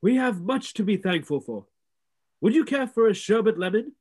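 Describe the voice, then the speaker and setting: A man voicing a calm, kindly old wizard. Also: high voice, normal speed, husky, voice pushed up. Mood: gentle.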